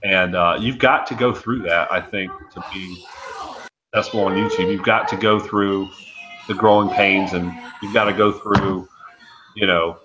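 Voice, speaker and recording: A man's voice: deep voice, fairly even intonation, measured pace, background noise. A man hosting a casual video-call panel, talking in an easygoing, encouraging way with lots of fillers. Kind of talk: casual chat. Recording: dull lo-fi video call audio.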